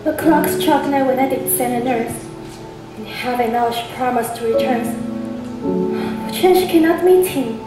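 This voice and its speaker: A young woman plays an impatient young girl in love, pressing for news with eager pleading. Her voice is high. It sounds far from the mic in a very echoey hall, with music underneath. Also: moderate pace, close to an everyday voice. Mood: longing. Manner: eager, pleading stage delivery. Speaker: student actor. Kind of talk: stage play acting. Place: stage in a large hall.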